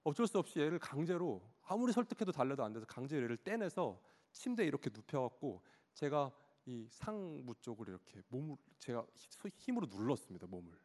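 A man in his thirties preaching a sermon, telling a personal story about his child in an animated way and acting out the child's cries. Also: mid-range voice, fairly quick, hardly any pauses. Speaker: pastor. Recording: long hall reverb.

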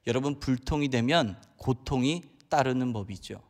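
Korean pastor guy telling a funny story in his sermon, mid-pitched voice, lots of hall echo. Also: normal speed, darkish tone. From Chungcheong Province, Korea. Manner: storytelling, addresses the congregation often. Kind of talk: sermon with a humorous illustration. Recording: long hall reverb.

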